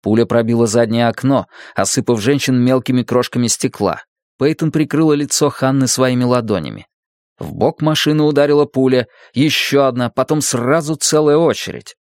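A man's voice: medium pitch, moderate pace, a little mellow, no room sound. Man narrating an audiobook, dry sound.

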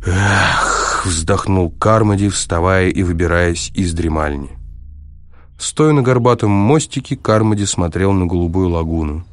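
Deep male voice, steady audiobook narration. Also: moderate pace, dry recording.

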